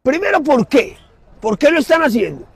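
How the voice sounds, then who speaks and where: A middle-aged man with a Colombian Spanish accent preaching emphatically in an outdoor city plaza, swinging from loud to soft. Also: extremely high pitch, very animated, moderate pace, gravelly. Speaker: street preacher. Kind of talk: impassioned street sermon.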